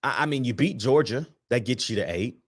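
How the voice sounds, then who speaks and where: A man's voice: medium pitch, expressive, a little fast. A man hosting a sports fan show, talking casually about an upcoming game with slang, repeated words and restarts. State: sleepy, yawning. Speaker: sports podcast host.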